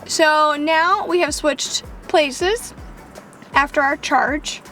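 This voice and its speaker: A woman's voice: high voice, very slow, pushed and bright. A woman co-hosting a road trip vlog, chatting cheerfully from inside a car. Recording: music playing behind.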